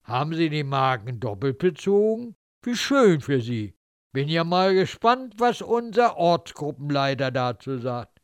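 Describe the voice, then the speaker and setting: A man's voice: a little high, sing-song, a little slow, clear, resonant tone, no echo. A man playing a suspicious petty official in a story, mock-polite and needling. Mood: snide suspicion.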